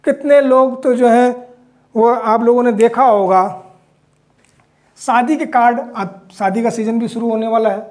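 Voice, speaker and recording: A man's voice: very high-pitched, steady tone, unhurried, darkish tone. A man teaching a Hindi spelling lesson, explaining patiently while writing words out and often checking in with his class. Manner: explanatory, checks in with "theek", mixes in English phrases.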